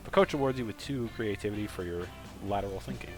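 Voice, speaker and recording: A man's voice: lowish voice, fast, over music. A man narrating a camp dating game to friends, joking and stumbling over the text.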